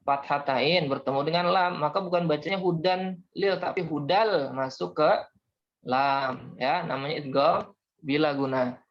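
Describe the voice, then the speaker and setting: A man's voice: a little high, normal speed. A young man teaching a class, patiently explaining step by step and calling on students. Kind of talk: online class lesson. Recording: dull lo-fi audio.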